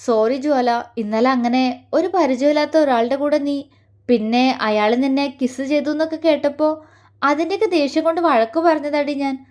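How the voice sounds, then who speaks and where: A woman's voice: high-pitched, moderate pace, a little mellow, natural voice. A woman voicing an outspoken young woman who is fiercely loyal to her friend, in an audio story. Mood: apologetic. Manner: blunt, earnest, caring.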